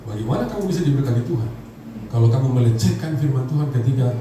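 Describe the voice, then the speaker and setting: This man's mid-range voice is expressive and fast as he, an Indonesian pastor in his fifties, preaches with humor in a large church hall and asks the congregation to answer back. The hall echoes, the mic is distant, and background noise is audible.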